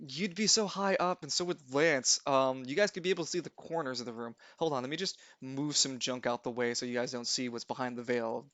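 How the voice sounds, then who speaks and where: A man's voice: mid-range voice, brisk, few pauses, fairly bright tone, no echo. A man narrating a tabletop game as game master, speaking casually and swearing freely as he goes. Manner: informal, profane.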